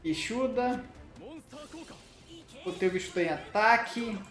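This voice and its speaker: Casual Brazilian Portuguese gaming host, mid-pitched, informal card game commentary, roomy sound with faint music behind. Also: slow pace, fairly bright tone. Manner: informal, with frequent tag questions.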